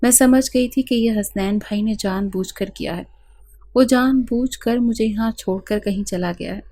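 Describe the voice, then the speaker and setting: A woman's voice: a little high, dark tone, no echo. A woman narrating a first-person audiobook in an earnest, plaintive storytelling manner.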